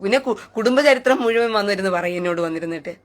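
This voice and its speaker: A woman's voice: mid-range voice, rapid-fire. A woman hosting a live stream, taunting and scornful, who keeps asking jeering questions. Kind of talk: mocking live rant.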